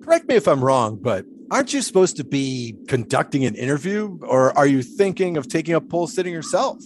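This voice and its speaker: Playing the same kind of eccentric, philosophical 1920s daredevil in an audio drama, this male actor is on the high side, very animated and fairly quick. The delivery stays serenely cryptic and teasing with ornate phrasing, over slight background noise.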